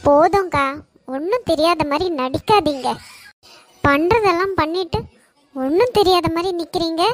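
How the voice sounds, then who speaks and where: A woman's voice: very high-pitched, normal speed, no echo. A woman voicing hot-headed college girl Hasini. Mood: furious. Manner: accusing and shouting. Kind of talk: Tamil cartoon voice acting.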